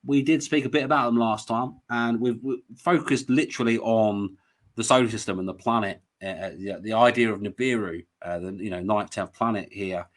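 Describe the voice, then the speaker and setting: A man's voice: fairly low pitch, steady tone, a little fast. A man hosting a casual conversation, talking in a rambling, hesitant way. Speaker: host.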